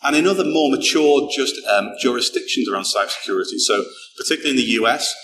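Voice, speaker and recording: This middle-aged man is a conference speaker with a non-local British accent, delivering a conversational technical talk and frequently restarting and repeating words. His medium-pitched voice is a bit bright, lively in intonation, and fast. The setting is a small, darkened indoor event room, so the audio is echoey with a faint hum behind it.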